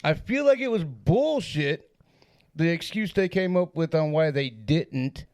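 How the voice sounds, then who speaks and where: A man's voice: fairly high pitch, expressive, unhurried, a little mellow. A man co-hosting a casual true-crime podcast, sarcastic and profane, laughing often between points. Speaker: podcast co-host.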